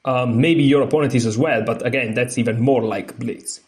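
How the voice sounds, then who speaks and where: A man who hosts a chess channel speaks with an Italian accent as a non-native speaker, his medium-pitched voice darkish and fairly even in intonation. He reads from a book haltingly with fillers and restarts, then explains more freely.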